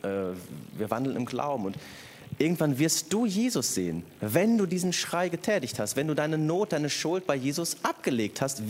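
A man's voice: medium pitch, darkish tone. Guy preaching in a church hall, emphatic, talks right to the crowd, medium voice, lots of hall echo. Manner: emphatic, addresses the congregation directly with personal stories. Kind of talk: sermon. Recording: echoey hall with faint noise.

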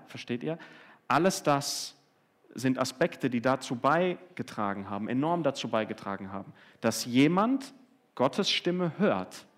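A man giving an earnest sermon, speaking directly to his listeners with frequent tag questions. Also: mid-range voice. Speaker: preacher.

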